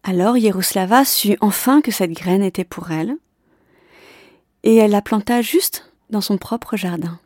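A woman reads a children's storybook aloud at a steady, clear pace. Her voice is mellow and dark in tone. The recording is dry and close, with no room sound. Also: mid-range voice, unhurried, no room sound. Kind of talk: scripted storybook narration.

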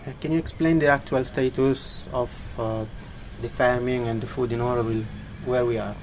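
A man's voice: mid-range voice, fairly even intonation, moderate pace, darkish tone, a little hiss or hum. A man interviewing, asking hesitant questions with many uhs.

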